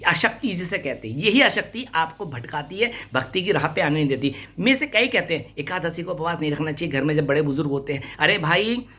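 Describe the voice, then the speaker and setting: Bright-voiced man preaching scoldingly. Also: high-pitched. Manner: scolding, exhorting listeners; rhetorical questions and repetition. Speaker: devotional preacher.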